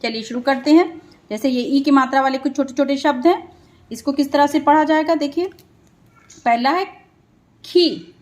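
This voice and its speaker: A woman teacher sounding out words syllable by syllable for children, then explaining in quick bursts. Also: sits high, a little mellow. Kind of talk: children's phonics lesson.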